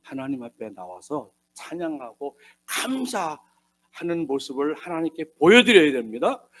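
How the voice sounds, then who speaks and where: Korean pastor guy preaching, fairly high voice, goes from quiet to loud, acts out quotes. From South Korea. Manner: swings between hushed asides and loud emphatic bursts, acts out quoted voices. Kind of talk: sermon.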